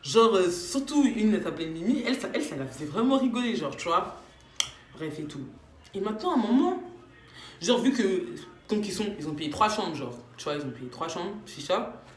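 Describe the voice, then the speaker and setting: Young woman, lively storyteller in a roomy space with faint noise. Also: mid-range voice, a little fast. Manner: animated, slangy, acts out quotes. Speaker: vlogger. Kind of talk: casual storytime. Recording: echoey room.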